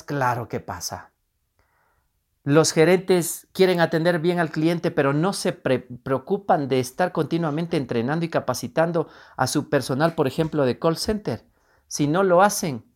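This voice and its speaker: A man giving a spoken lesson on customer service, explaining patiently and often checking in with the listener. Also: mid-range voice.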